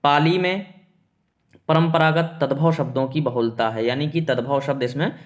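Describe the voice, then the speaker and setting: A man's voice: on the high side, normal speed, muffled recording. A man teaching an exam-prep lesson, explaining step by step with rhetorical questions and calling his students "beta".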